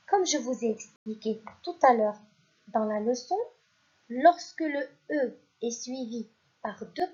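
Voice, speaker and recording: Slow, husky-voiced woman teaching phonics. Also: a little high, highs cut off. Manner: slow and deliberate, repeats each word and stresses it louder; addresses pupils directly, praising them. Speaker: primary school teacher. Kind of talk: recorded French phonics lesson.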